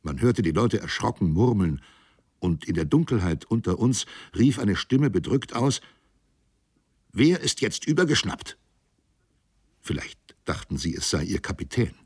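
Deep, gravelly male narrator. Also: expressive, normal speed, warm tone, no echo, clean studio sound. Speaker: audiobook narrator. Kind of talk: scripted narration of a sea novel.

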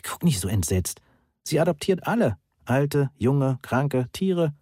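A man's voice: mid-range voice, very animated, unhurried, dark tone, husky, no echo, studio quality, pitched above the performer's own voice. A man voicing an irritable young grandson in an audiobook, blunt and exasperated. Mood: amused. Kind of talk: audiobook character voice.

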